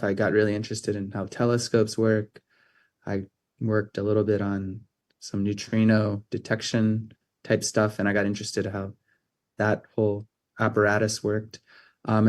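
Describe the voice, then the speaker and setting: A man's voice: fairly low pitch, darkish tone. A man in his thirties from California, answering interview questions about his career in a casual, hesitant way with many ums and restarts. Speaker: interview guest, optics researcher.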